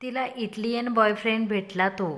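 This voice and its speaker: A woman's voice: on the high side, steady tone, normal speed, natural voice. A woman voicing an amused, skeptical young woman with a dry manner, holding back laughter.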